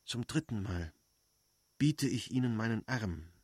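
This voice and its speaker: A man reading the lines of a stiff, formal husband in an audiobook, measured and correct. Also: medium pitch, expressive, a little mellow, husky, no echo.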